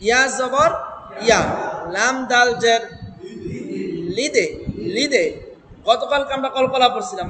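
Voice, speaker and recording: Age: unknown. Sex: man. Role: Quran reading teacher. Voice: very high, bright, chanting slowly. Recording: echoey hall. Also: slight background noise. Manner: chants verses slowly, then explains letter by letter; quizzes students and has them repeat. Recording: echoey hall with long reverb.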